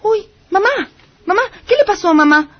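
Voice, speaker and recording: A woman's voice: very high voice, lively intonation, a little fast, highs cut off. Woman playing a cheeky pregnant young daughter.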